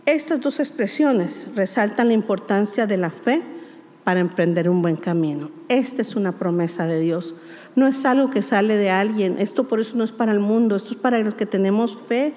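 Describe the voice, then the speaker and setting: A woman pastor preaches a sermon with emphasis, repeating key words and asking rhetorical questions. Her mid-range voice is mellow and moves at a normal speed, carried by a long hall reverb.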